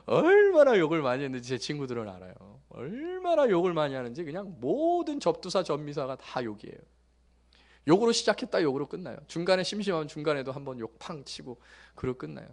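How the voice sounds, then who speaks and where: Animated man preaching with jokes. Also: a little high, fast. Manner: lively, joking storytelling with sudden loud bursts and hushed asides. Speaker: pastor. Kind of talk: sermon.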